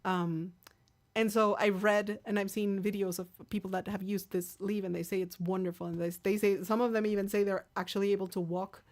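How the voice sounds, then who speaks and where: A woman hosts a live stream and chats casually with her viewers. Her voice sits at a middle pitch, and she reads out their comments, thanks people by name and laughs often. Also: level tone, brisk, a little mellow. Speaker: livestream host and singer.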